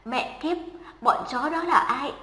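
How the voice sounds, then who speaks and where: A woman's voice: sits high, slow, pushed and bright, voice pushed up, exaggerated voice. A woman reading a hot-tempered young boyfriend. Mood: protective. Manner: angry then tender. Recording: echoey room with long reverb.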